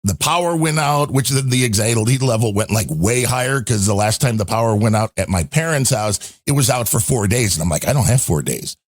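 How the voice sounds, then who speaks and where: A man's voice: medium pitch, brisk, few pauses. Give me a man with a middle-range voice, talking on a casual chat show, rambling through a story with lots of asides. The sound is dry and close, with no room echo. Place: home in a storm-hit area.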